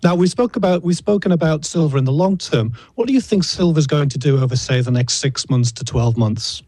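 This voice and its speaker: A man asking measured, leading questions as an interviewer. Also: a little high, lively intonation, a little mellow, no room sound.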